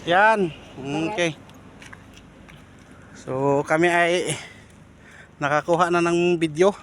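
Male vlogger, high voice, chatty and directing people for photos, light outdoor hum behind. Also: slow pace, fairly bright tone. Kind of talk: casual travel vlog.

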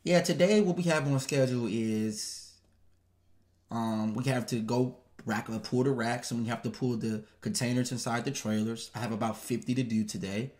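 A man's voice: medium pitch, fairly even intonation, moderate pace, a little mellow, close to an everyday voice. A man doing a polite, proper-talking retail worker.

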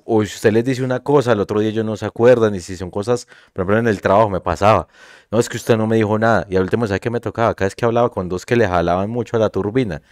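A man's voice: lowish voice, fairly even intonation, rapid-fire, few pauses, a little mellow, no room sound, clean studio sound. A man, a podcast co-host chatting casually and sharing his own experience in an earnest way. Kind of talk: casual chat.

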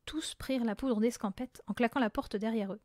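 Expressive woman reading a children's story. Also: a little high, a little fast, no echo, clean studio sound. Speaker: audiobook reader. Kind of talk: storybook narration.

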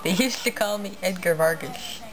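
A young woman in her twenties playing a deadpan odd man, answering interview questions in a flat voice into a close webcam in a small bedroom. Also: lowish voice, moderate pace, lightly acted, poor audio. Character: deadpan odd man called Edgar Vargas. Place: small cluttered bedroom, indoors. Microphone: webcam at close range.

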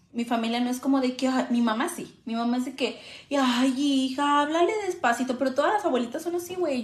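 A young woman with a Mexican accent, a mother and vlogger, chatting casually and frankly with her viewers, using slang and swearing freely. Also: high-pitched. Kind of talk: casual livestream chat. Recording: echoey room, faint background noise.

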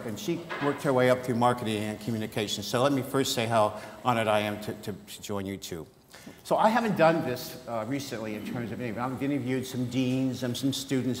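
Joking man on an echoey stage. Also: mid-range voice. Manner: joking, anecdotal, loose. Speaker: interviewer. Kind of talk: conference stage talk. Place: conference hall stage. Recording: echoey hall, noisy.

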